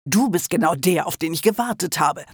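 A man's voice: sits high, animated, brisk, husky, no echo, clean studio sound. A man voicing an ancient, smug male wizard hologram who talks down to people in a lecturing way, in an audiobook. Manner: condescending, lecturing.

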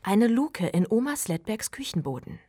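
A woman reads a children's story with lively expression, sometimes sinking to a breathy hush for suspense. Her mid-range voice sits close and dry on the mic. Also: medium pitch, moderate pace, no room sound. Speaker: audiobook reader. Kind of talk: children's audiobook narration.

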